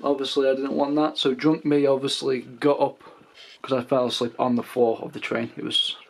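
A young man from England, speaking, rambles casually into his camera at home. He tells stories in a loose, chatty way with a mid-pitched voice. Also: level tone, normal speed, creaky. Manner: chatty, rambling, acts out drunk anecdotes in raised voices. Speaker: vlogger. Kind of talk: casual vlog rant. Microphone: camera mic.

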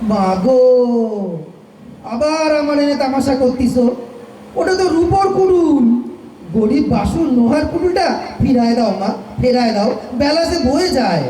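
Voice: high voice, lively intonation, moderate pace, warm tone. A performer voicing a fretful, henpecked poor woodcutter in a radio play, talking in a rustic way and lamenting often. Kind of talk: amateur radio play acting. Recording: echoey room with faint noise.

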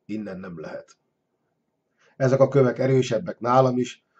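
A man's voice: mid-range voice, darkish tone, dull audio, lightly acted. A man growling as a proud dragon king. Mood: gruff. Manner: growling, gruff. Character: huge imprisoned male dragon king, proud and gruff.

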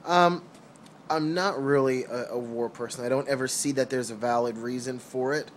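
A young man from New York City giving his earnest, halting opinions in a casual vlog, recorded on a phone held close while lying on a couch at home. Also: medium pitch, steady tone, slight background noise. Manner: earnest, hesitant with many ums and restarts. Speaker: vlogger. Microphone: phone camera held close.

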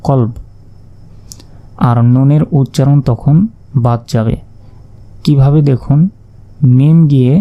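A man teaching Quran reading in a step-by-step lesson, slowly spelling out letters and vowel marks one by one. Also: mid-range voice, muffled recording.

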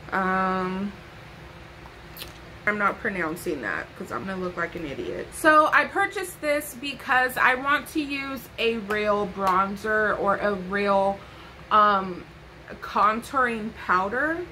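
A woman's voice: mid-range voice, pushed and bright, a little hiss or hum, rough recording. A young woman vlogging a casual haul to camera from her bedroom, sassy and chatty with playful asides.

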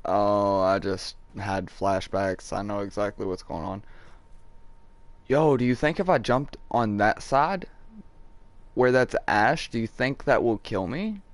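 Hoarse young male streamer, slightly low voice, excitable and swearing a lot. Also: a little slow, no room sound. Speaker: game streamer. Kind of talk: casual live gameplay commentary.

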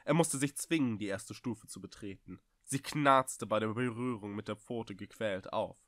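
A man reading a fantasy story aloud, expressive and vivid, with a dry close studio sound. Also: on the low side, moderate pace, no echo. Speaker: audiobook reader.

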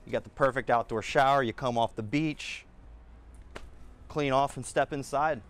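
Walking through and around a single-story home on camera, a man in his thirties runs an upbeat real estate tour, rattling off features in short bursts of sales talk. He speaks at normal speed in a medium-pitched voice, and soft background music plays underneath.

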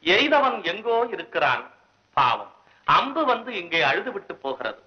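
A proud elder court poet who lectures in grand, formal phrases, his high voice swinging widely as he scolds. The sound is a dull, muffled 1960s film track. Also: huge pitch swings, moderate pace, slightly rough, exaggerated voice. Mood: stern. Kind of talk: 1960s Tamil film acting.

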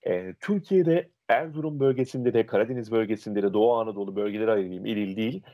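A young adult man, a diction instructor, explaining dialects and speech in an interview with lively, illustrative examples. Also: fairly low pitch, fast, muffled recording.

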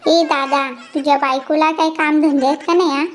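A performer voicing a bossy, quarrelsome middle-aged aunt in a cartoon, scolding and sharp-tongued, with a high pitch-shifted voice. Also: female voice, level tone, a little fast.

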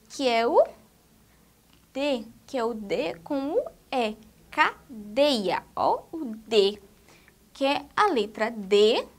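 A woman teaching young children a literacy lesson, drawing out words in a slow, sing-song way. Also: high voice. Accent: Brazilian Portuguese.

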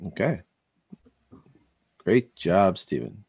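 Deep-voiced enthusiastic male hobby host. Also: animated, extremely slow, creaky, a little mellow, slightly rough, no room sound. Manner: enthusiastic, rambling with restarts. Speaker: podcast host. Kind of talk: casual chat.

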